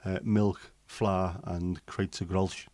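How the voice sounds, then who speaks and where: Slowly and in a level tone, an English man chats on a livestream, reading and replying to live comments while rambling with ums and restarts. His voice sits low and is a little mellow, with no room sound.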